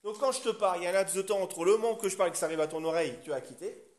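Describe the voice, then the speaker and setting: Guy with a high voice giving a torah class, walks through it step by step, keeps checking everyone follows. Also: racing. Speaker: rabbi teaching a class.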